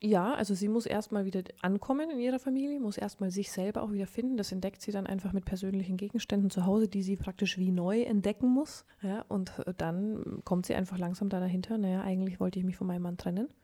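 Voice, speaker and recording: Woman, mid-pitched, relaxed co-host who listens and then sums up a book. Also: fast, hardly any pauses. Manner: attentive listener, short affirmations, recommends a book. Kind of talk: casual conversation.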